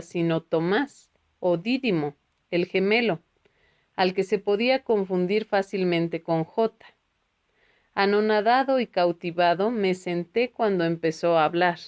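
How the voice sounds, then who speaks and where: Woman reading a book aloud, measured. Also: medium pitch, clean tone, dull audio. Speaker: audiobook reader. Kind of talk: read-aloud narration.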